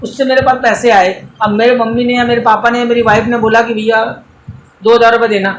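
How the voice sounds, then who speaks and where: A man's voice: very high voice, little pitch movement, brisk, fairly bright tone, reverberant, slight background noise, poor audio. A man teaching an accounting class in a coaching centre, lecturing in a mix of Hindi and English and quizzing students with everyday examples.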